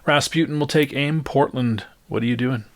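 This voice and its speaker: A man acting as game master, narrating a tabletop game and patiently explaining rules and scenes with many pauses and fillers. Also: mid-range voice, dry recording.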